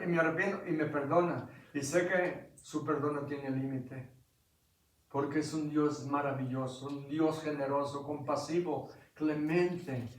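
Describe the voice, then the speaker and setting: A pastor delivers an impassioned sermon, asking his congregation questions and building to loud climaxes. His voice sits a little high for a man. The recording is roomy and echoey, picked up from well away from the microphone in a church. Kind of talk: sermon with Bible reading. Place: church sanctuary. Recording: echoey church, mic at a distance.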